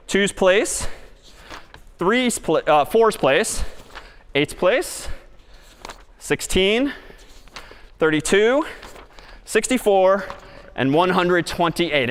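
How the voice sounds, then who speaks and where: Male lecturer with a high voice, upbeat and engaging, recorded in a reverberant lecture hall. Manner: lively, questioning the audience. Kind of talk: university lecture. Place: large lecture hall stage.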